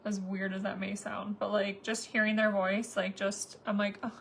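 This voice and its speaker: A woman's voice: mid-range voice, level tone, normal speed, gravelly, slight background noise. A woman in her thirties chatting casually to viewers while doing her makeup, rambling with lots of fillers. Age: 30s. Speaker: makeup vlogger.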